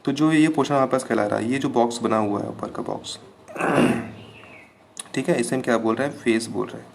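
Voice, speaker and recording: Guy lecturing on engineering, gravelly voice, keeps asking if it's clear, faint hiss behind. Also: medium pitch, moderate pace. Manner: patient, repeats terms with "ठीक है, clear है" checks. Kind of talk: classroom lecture.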